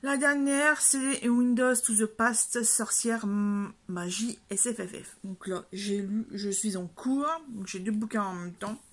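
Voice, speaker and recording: A woman's voice: mid-range voice, fairly even intonation, a little slow, few pauses. Chatty rambling woman book vlogger. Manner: chatty, rambling, many fillers and restarts. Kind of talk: casual chat. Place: at home, by her bed.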